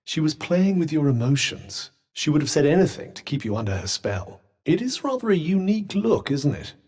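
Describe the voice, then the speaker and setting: Voicing the magical cuff in scripted game dialogue, a British actor sounds calm and dry yet very animated and heavily acted, speaking briskly. His husky, slightly mellow voice is on the high side, and his formal, witty, protective advice carries a long reverberant tail.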